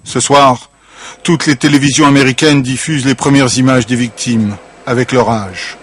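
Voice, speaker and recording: A man narrating a television news report in a measured, grave tone. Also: mid-range voice, fairly even intonation, breathy edge.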